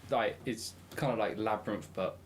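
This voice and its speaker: A man's voice: lowish voice, normal speed, slight background noise. A man guesting on a casual film podcast, telling stories with wry, dry humour. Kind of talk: casual film review chat.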